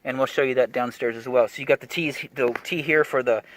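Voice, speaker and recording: Breathless plumber touring a cramped attic. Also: male voice, medium pitch, fairly even intonation. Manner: quick, rambling, with fillers and restarts. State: out of breath, wearing a mask. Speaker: plumbing contractor. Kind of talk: casual job-site walkthrough.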